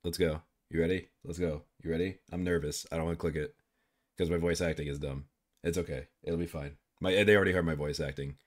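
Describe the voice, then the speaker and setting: A man's voice: very deep voice, steady tone, quick pace. A man streaming live as a VTuber, chatting casually in a playful, rambling way and swearing freely.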